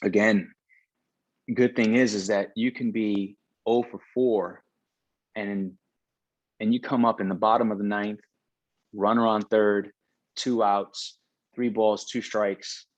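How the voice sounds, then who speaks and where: Deep-voiced man, dry close sound. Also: fairly even intonation, slow, long pauses, dry recording, lo-fi sound. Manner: rambling, many restarts. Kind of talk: casual conversation about baseball.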